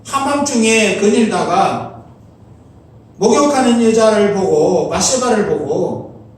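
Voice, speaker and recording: A man's voice: high-pitched, lively intonation, slow. A middle-aged man preaching a Sunday sermon as pastor, earnest, asking rhetorical questions. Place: church sanctuary. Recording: very echoey church hall, mic at a distance.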